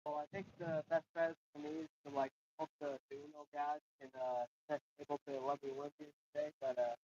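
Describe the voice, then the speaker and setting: A man answering interview questions with many halting fillers, his voice muffled and far away, as if heard through a wall. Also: flat delivery, darkish tone. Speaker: tournament competitor. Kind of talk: post-match style interview answer. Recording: muffled, dull, low-quality mic.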